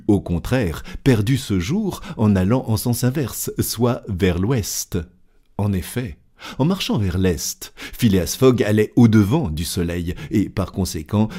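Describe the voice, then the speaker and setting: Slow, low-voiced man reading a novel. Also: dark tone. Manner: measured, deliberate storytelling. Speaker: audiobook narrator. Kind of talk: scripted narration.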